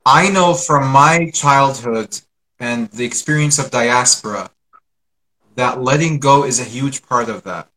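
A man hosting a conversational interview, putting questions deliberately and rephrasing them in careful pieces. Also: mid-range voice, bright, forceful tone, rough recording. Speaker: interviewer, host.

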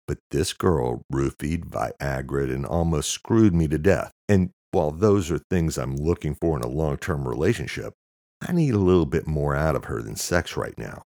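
A man's voice: a bass voice, animated, moderate pace, gravelly, no room sound, clean studio sound, heavily acted. A man playing a brash, foul-mouthed young guy. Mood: exasperated. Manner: profane, sarcastic, shouting in anger. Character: brash young male artist, crude, quick-tempered.

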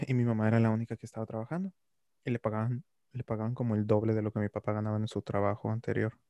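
Low mellow young man. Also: fast, dry recording. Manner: calm, reflective explaining. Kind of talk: casual chat.

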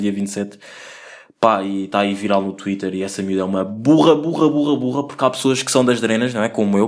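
Fast-talking, slangy young man. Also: lowish voice. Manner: slangy, rambling, lots of swearing and filler. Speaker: podcast host. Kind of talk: casual solo podcast monologue.

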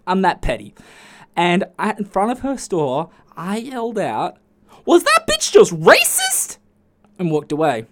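Animated Australian man telling stories. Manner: chatty, swears freely, jumps to high excited pitch. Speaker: podcast host. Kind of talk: casual solo podcast storytelling.

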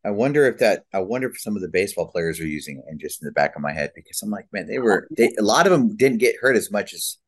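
A man's voice: fairly low pitch, animated, breathy edge. A man hosting a podcast interview, reacting briefly and making sarcastic jokes. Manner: joking, sarcastic, quick reactions. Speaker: podcast host.

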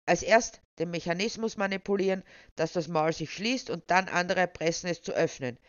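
A stubborn, self-righteous attendant, put on by the storyteller in a shrill falsetto, scolding a trapped man. The recording is dull and lo-fi, with a dry, close sound. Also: moderate pace, no echo, natural voice. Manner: speaks in full falsetto, scolding. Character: stubborn indignant male official guarding a whale.

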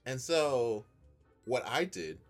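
A man's voice: medium pitch, big pitch swings, takes it slowly, soft background music. A man co-hosting a casual podcast chat, telling a story earnestly with lots of restarts. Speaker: podcast co-host.

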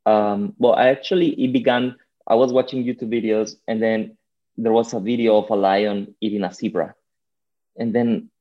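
A man in his twenties with a mellow, relaxed tone talks casually and reflectively. He rambles informally, thinking aloud, on a slightly muffled, lo-fi recording. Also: mid-range voice.

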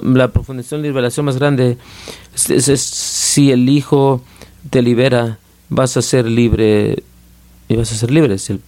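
A man giving a sermon in translation, halting and often repeating and restarting his words. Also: mid-range voice, mellow, no echo. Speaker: interpreter of a sermon.

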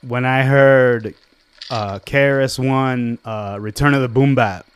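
A man's voice: mid-range voice, steady tone, a little slow, slight background noise. A man in his forties, a guest musician, chatting casually and rambling with lots of "like" and "you know". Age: 40s. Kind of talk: casual interview chat.

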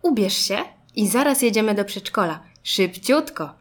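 A woman voicing a loving, brisk mother car in a children's storybook, coaxing and sing-song. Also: mid-range voice, animated, close to an everyday voice. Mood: gentle. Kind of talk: storybook reading.

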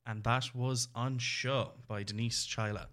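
A man's voice: medium pitch, steady tone, a little slow. A man with a Limerick Irish accent hosting a casual student radio show, chatty and enthusiastic. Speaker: host.

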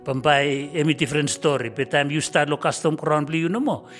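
A man's voice: fairly high pitch, fairly even intonation, normal speed, fairly bright tone. A man gives informal spoken testimony, emphatic and repeating himself. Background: faint music.

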